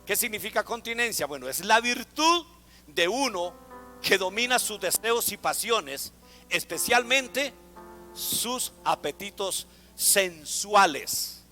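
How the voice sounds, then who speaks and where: A man's voice: high voice, expressive, slow, sharp tone, big-room sound, faint music behind. A man preaching a sermon to a congregation, asking them to repeat words after him. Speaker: pastor. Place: church.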